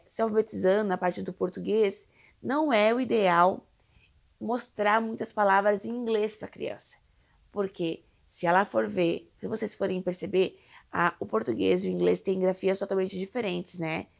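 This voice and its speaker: A woman's voice: medium pitch, creaky. A young woman from Brazil, an English teacher for children, explaining in a chatty, reassuring way with frequent tag questions. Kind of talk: casual explainer video.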